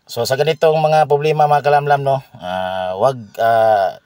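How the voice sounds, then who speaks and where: A man, a mechanic explaining a car repair to viewers in a halting way, pausing and repeating himself. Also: medium pitch, fairly even intonation, darkish tone, clear, resonant tone, no room sound, clean studio sound.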